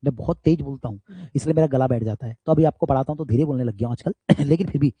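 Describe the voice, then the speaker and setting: A man's voice: medium pitch, fast, husky, no room sound, muffled recording. A man from India, a physics teacher, giving students an emphatic, motivational aside during an online class and often checking that they follow. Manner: emphatic, talks straight to students with repeated tag questions; loud forceful speaker.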